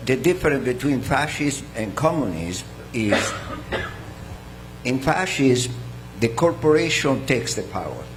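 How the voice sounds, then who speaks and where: A man from Italy with an Italian accent, speaking from the floor at a seminar in a slow, halting way and clearing his throat often. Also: mid-range voice, slight background noise, rough recording. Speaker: audience member.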